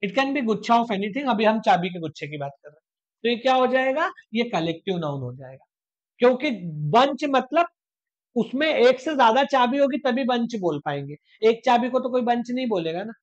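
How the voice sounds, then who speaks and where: Preparing students for exams online, a teacher lectures on grammar, asking and answering rhetorical questions, repeating points step by step, and slowing to stress English definitions. The voice is medium-pitched with big pitch swings, and the audio is dull.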